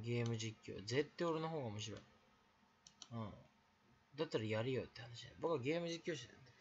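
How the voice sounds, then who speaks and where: A man's voice: medium pitch, lo-fi sound, slight background noise. A man ranting bluntly and crudely in a late-night solo chat, talking alone to the mic in bursts. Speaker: aspiring game streamer.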